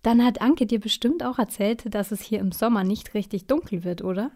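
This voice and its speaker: A friendly mother from a bedtime storybook, read by a woman, calm and a little distracted. Her voice is soft, mellow and slightly breathy. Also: mid-range voice, brisk, lightly acted. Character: busy, friendly mother of a boy.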